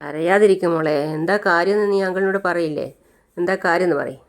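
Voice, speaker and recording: The narrator voicing a kind uncle-like man who asks gentle, coaxing questions, in a clear voice. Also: high voice, quick pace.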